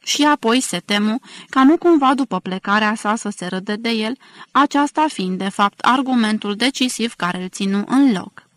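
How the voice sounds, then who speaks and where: A woman narrating a literary novel as an audiobook, in a measured, even storytelling manner. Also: fairly high pitch, dry recording.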